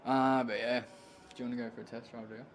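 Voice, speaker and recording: A man's voice: medium pitch, level tone, fast, slight background noise. A man chatting casually as a vlog host, laid-back, slangy and sweary. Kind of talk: casual car vlog chat.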